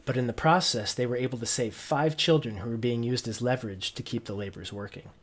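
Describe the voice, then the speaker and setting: A man's voice: medium pitch, quick pace. A man working as game master, narrating a tabletop roleplaying game informally and piecing descriptions together as he goes.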